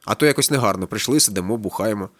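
A man's voice: on the low side, rapid-fire, fairly bright tone, no echo, studio quality. A man reading an audiobook voices a boozy, fretful male friend who drawls and muses. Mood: musing.

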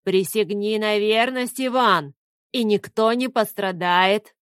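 Koschei, a woman doing a slow menacing old sorcerer. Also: medium pitch, clear, resonant tone, dry recording, clean studio sound, natural voice. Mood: demanding. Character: scheming old male immortal sorcerer king.

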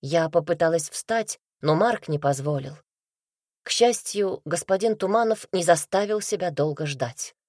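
A woman narrating a first-person novel in a lively, expressive reading voice, close to the mic. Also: lowish voice, a little slow, dry recording. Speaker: audiobook narrator.

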